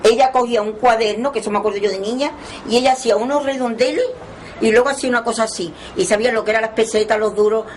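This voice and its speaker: A woman's voice: on the high side, steady tone, rapid-fire, a little hiss or hum. Elderly woman reminiscing. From Torremolinos, Spain. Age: 90s. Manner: rambling reminiscing with frequent restarts. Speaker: oral history interviewee. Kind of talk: oral history interview.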